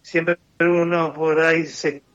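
A man with a Rioplatense Spanish accent speaks slowly and haltingly over a remote line that breaks up and drops words. His voice sits somewhat high and comes through muffled. The sound is dry and close. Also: level tone, a bit bright, dry recording. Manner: halting, hesitant, words cut off mid-phrase. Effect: remote line breaking up and cutting out. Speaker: remote panelist on a talk show. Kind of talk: reflective remote chat. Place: remote call, not in the studio.

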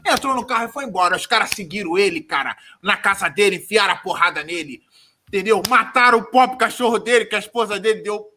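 A high-voiced Brazilian man tears through a comic movie recap, rambling and swearing as he goes. His tone is piercingly bright and tense, and he bursts into shouted gunshot noises. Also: expressive, quick pace, slight background noise. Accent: Brazilian Portuguese. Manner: rambling, profane storyteller who shouts sound effects. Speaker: podcast co-host.

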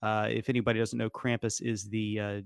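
A man's voice: fairly low pitch, little pitch movement, brisk, creaky, clean tone, no echo. Rambling man with a dry sound. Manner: rambling, many fillers and restarts, laughs often. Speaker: podcast guest. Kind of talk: casual debate chat.

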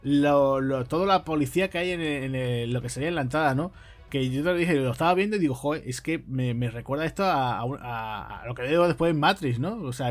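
Fast-talking man, animated film chat. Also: a little high. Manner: animated, acts out film lines in quick impressions. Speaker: podcast co-host. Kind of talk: casual film discussion.

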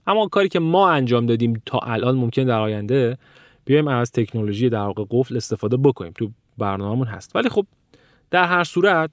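A man teaching a language-learning course, speaking lively and emphatically. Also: medium pitch, no echo, studio quality. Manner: animated, lively, with emphatic rising pushes. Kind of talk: spoken online course lesson.

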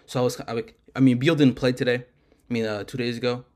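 A man's voice: medium pitch, flat delivery, quick pace, darkish tone. Rambling casual man talking basketball. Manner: loose, rambling, self-correcting. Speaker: podcast co-host. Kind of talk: casual sports chat.

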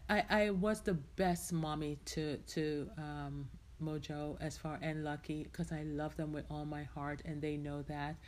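Woman host from Jamaica, middle-aged, casual rambling podcast chat, slightly low voice. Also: darkish tone. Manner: chatty, rambling, heartfelt, many "you know"s.

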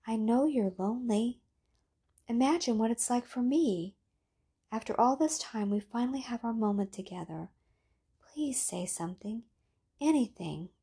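A woman voicing a soft, seductive computer. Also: on the high side, lively intonation, moderate pace, pauses often, breathy edge, voice pushed up. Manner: soft, ethereal, coaxing.

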